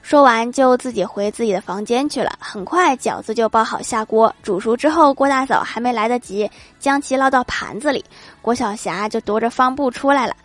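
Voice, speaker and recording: A woman hosting a comedy podcast, reading jokes aloud with lively commentary and laughing at her own punchlines. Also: on the high side, fairly quick, no room sound.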